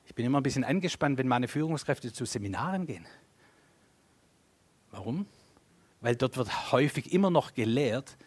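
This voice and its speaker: A man preaching a sermon and leading prayer, addressing the congregation directly with sweeping rises and falls in pitch and loudness. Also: breathy edge. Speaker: pastor.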